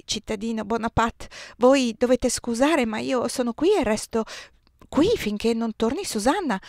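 A woman reading aloud and voicing an excitable young girl who pleads and gushes in a raised, breathless voice. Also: dry recording, studio quality, natural voice. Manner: breathless, pleading, higher and louder voice.

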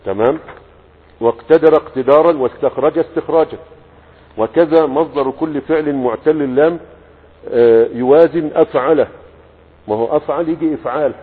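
Egyptian sheikh, teaching classical grammar, husky tone, reverberant hall, narrow tinny recording. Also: male voice, mid-range voice. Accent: Egyptian Arabic. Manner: reads the text, then explains in colloquial asides with checks to students. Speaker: teacher of Arabic morphology. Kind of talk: classical text lesson. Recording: husky voice, echoey hall, phone-like band.

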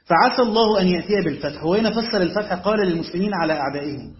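With an Egyptian Arabic accent, a sheikh teaches Quran commentary as a classroom lecture, working through the text step by step and often checking that his students are following. His voice sits high and his delivery is rapid-fire. The sound is dull and lo-fi, in an echoey room.

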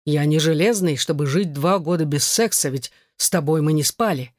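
A man's voice: a little high, normal speed, no room sound, studio quality, lightly acted. A man reading an audiobook voices a hot-tempered young husband who growls through his teeth. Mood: defiant.

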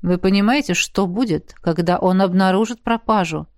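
A woman voicing a calm male dragon in an audiobook, speaking in a wry, conciliatory way. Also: medium pitch, moderate pace, dry recording, studio quality, close to an everyday voice. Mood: weary.

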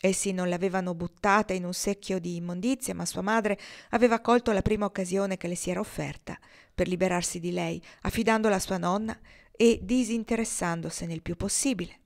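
A woman reads a novel aloud in a measured, expressive voice. Her tone sits in a middle range, neither high nor low, and she paces the narration with care. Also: gravelly. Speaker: audiobook reader. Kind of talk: literary audiobook narration.

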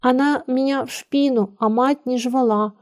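A small sulky boy in a storybook who lisps and whines in a plaintive, raised voice, as a woman narrator puts him on. He draws his words out slowly. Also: sits high, a little mellow, voice pushed up. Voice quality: lisp. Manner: plaintive, whining.

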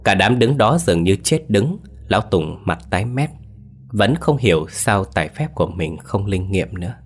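A man narrating a horror story in a steady, dramatic way. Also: on the low side, moderate pace, slight background noise.

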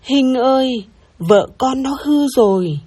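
A woman's voice: high voice, expressive, slow pace, mellow, breathy edge, voice pushed up, heavily acted. A woman voicing a suspicious, worried grandmother in her old age, who mutters and frets, in a narrated audio story. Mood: anguished. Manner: fretful, muttering.

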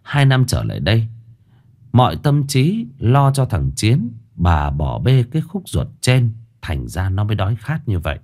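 A man narrating a ghost story in an expressive storytelling manner. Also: lowish voice, normal speed.

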